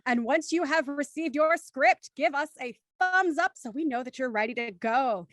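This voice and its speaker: A woman hosts a live audio show and reads scripted narration, speaking to her listeners directly and in an organised way. Her voice is high-pitched and a bit bright at a moderate pace, recorded in studio quality with no room sound.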